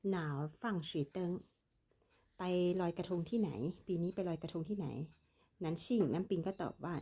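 A woman's voice: on the low side, steady tone, normal speed, mellow, slightly rough. A woman teaching Chinese, patiently explaining and repeating words while reading a dialogue. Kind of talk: bilingual language lesson, reading a dialogue.

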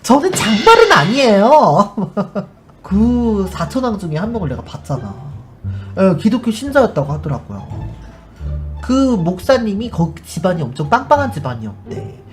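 A woman's voice: mid-range voice, very animated, moderate pace, a little mellow. A woman hosting a live stream, chatting casually as she tells a story and acts out the people in it. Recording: music under the voice. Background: background music.

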